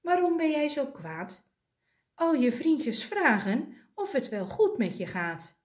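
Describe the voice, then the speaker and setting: A woman doing a calm, caring penguin friend. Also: high voice, slow pace, roomy sound, pitched above the performer's own voice, exaggerated voice.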